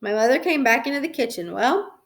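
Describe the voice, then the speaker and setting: A woman reading a children's chapter book aloud in an expressive storytelling voice. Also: on the high side, normal speed. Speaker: reader.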